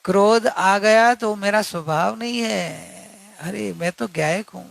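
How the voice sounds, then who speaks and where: A man's voice: high voice, a little slow, vocal fry, fairly bright tone, dry recording. A man giving an earnest religious discourse, repeating key points and asking rhetorical questions. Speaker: spiritual teacher.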